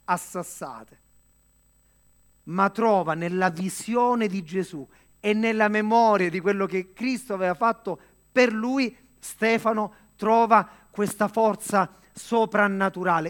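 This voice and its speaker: A man delivering a sermon in an earnest, measured way, with dramatic pauses and direct questions to the listener. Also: high voice, fairly bright tone. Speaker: preacher.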